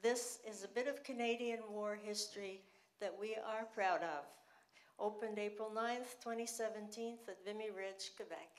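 An older woman reads a formal commemorative text into a handheld mic in a hall. Her pace is slow and her pitch sits in the middle. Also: steady tone, slight background noise. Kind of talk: reading a plaque aloud at a ceremony. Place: community hall with seated audience. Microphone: handheld microphone.

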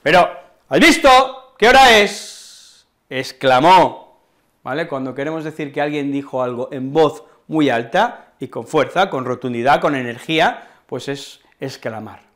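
A man with an accent from Spain gives an online Spanish lesson. His voice sits a touch high and stays animated as he patiently walks his students through each point, checking in with them as he goes. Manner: animated, explains patiently with frequent tag questions. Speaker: Spanish teacher.

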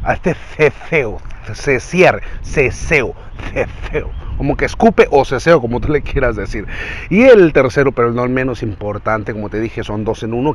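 A man hosting a casual tutorial on doing voice impressions, talking quickly and checking in with the viewer often. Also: mid-range voice. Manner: quick, chatty delivery with frequent check-ins to the viewer. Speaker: voice impression youtuber.

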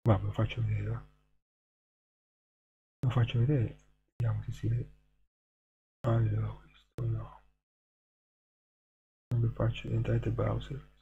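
A man's voice: on the low side, flat delivery, unhurried, gravelly, pauses often, narrow, tinny audio. A man streaming live, casually reading short poems aloud and counting their syllables in a hesitant way. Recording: noisy hum behind the voice.

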